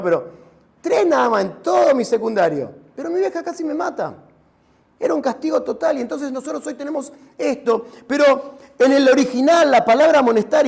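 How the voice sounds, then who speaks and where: Man, Rioplatense Spanish accent, pastor, sermon, animated preaching, very high gravelly voice. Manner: animated preaching, rising to shouts.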